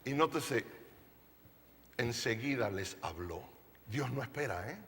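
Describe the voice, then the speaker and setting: A man's voice: medium pitch, lively intonation, takes it slowly, fairly bright tone, big-room sound. A male pastor preaching a sermon to a congregation, emphatic and playful, often asking them questions. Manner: playful, jokes with the audience. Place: church service.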